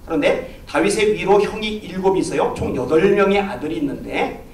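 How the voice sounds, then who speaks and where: A pastor preaching a sermon, telling a story with lively swings of voice and acting out the people in it. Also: male voice, high-pitched, fairly quick. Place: church sanctuary. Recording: echoey church, from far off.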